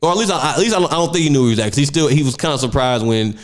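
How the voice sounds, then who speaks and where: Animated, profane young man telling a story. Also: mid-range voice, very fast. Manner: animated, profane, acts out voices in his stories. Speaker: radio DJ and guest. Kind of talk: casual storytelling.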